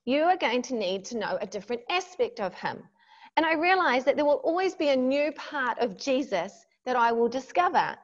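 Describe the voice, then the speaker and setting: An earnest woman with a somewhat high voice leads a devotional talk over a video call. She retells a scripture story vividly. The call audio is dull and lo-fi. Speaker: devotional workshop leader. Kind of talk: devotional talk with Bible reading.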